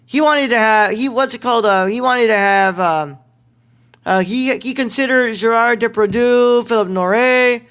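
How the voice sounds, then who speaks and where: A man's voice: very high voice, normal speed, a bit bright, smooth. Young man, podcast host, rambling delivery, filler-heavy, casual slang, film review chat. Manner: rambling, many fillers, says bro and what's it called.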